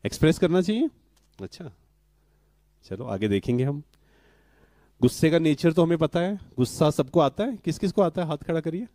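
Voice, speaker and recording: A middle-aged man giving a spiritual talk to a live audience, calm and questioning, who keeps asking the audience to answer and mixes in English words. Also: fairly high pitch, normal speed, long pauses, dry recording. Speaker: spiritual speaker.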